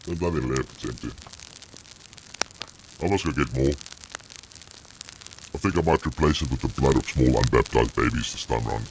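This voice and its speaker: A man's voice: normal speed, pauses often, slight background noise. A man streaming a horror game, his voice run through a demonic voice changer, swearing and jumping at scares while talking to his chat. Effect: deep, gravelly demonic voice changer. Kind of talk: live gameplay commentary.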